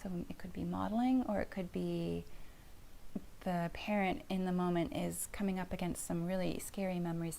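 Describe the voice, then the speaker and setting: A middle-aged woman, a family therapist, giving a calm parenting lesson in a soft, often hushed voice. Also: medium pitch, vocal fry, slight background noise.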